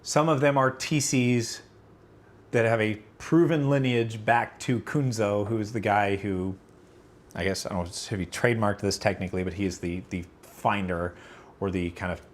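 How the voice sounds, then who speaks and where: A man with a fairly low voice chats through a casual livestream, circling his points with fillers and restarts. He is battling allergies as he talks. A faint hum of room noise sits behind him. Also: fairly even intonation, normal speed. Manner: rambling, filler-heavy, self-correcting. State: allergies, about to sneeze. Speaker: livestream host answering chat.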